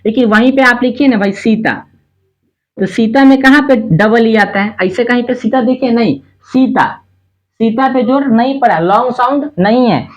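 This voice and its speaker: A man teaching a lesson at a board, who asks his own questions, answers them, and spells words out slowly letter by letter. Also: very high voice, dull audio. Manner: repetitive and patient, checks understanding often. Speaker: spoken English teacher.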